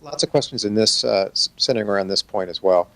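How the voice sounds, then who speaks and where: A man moderating a question session, speaking haltingly and restarting his phrases as he puts a question together. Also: on the low side, a bit bright. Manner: halting, repeats phrase openings. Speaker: moderator relaying audience questions. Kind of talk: unscripted question-asking at a talk.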